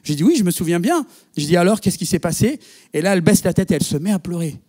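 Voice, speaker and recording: In a church, a male pastor with a high, husky voice speaks fast as he preaches to his congregation. He tells a story as an animated storyteller, acting out and quoting the dialogue of others.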